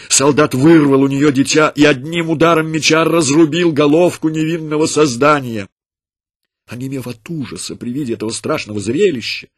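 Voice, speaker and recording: A man reading a religious story aloud in a solemn, dramatic manner, with a husky voice. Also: mid-range voice, dry recording, studio quality. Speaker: narrator.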